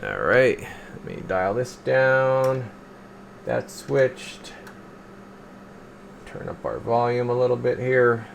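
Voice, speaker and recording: This radio repair and test channel host talks viewers through each step of an informal hands-on demo as he works, sometimes half muttering to himself. His medium-pitched voice is creaky and expressive, and he takes it slowly with frequent pauses. There's slight background noise.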